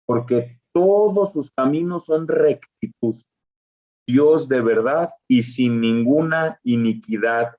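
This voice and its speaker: Guy preaching a bible lesson, mid pitch, kinda muffled recording. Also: a little mellow. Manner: explanatory, asks rhetorical questions, reads verses slowly. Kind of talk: bible teaching with slides.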